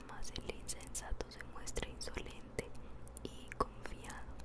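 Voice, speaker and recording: A woman giving a soft ASMR Bible teaching in a breathy, barely audible whisper, hushed and explanatory.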